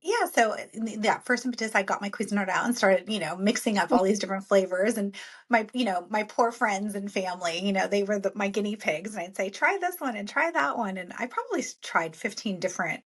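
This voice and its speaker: A woman's voice: medium pitch, a little fast, husky. A middle-aged woman founder, a guest on an interview podcast, talking casually and fluently with many filler phrases. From United States, born in Sudan. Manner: upbeat and fluent, many "you know" fillers.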